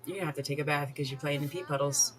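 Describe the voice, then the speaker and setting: A woman's voice: sits low, steady tone, very fast. A woman streaming a life-sim game, chatting casually, giggling and talking to the characters on screen. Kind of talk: casual gameplay commentary.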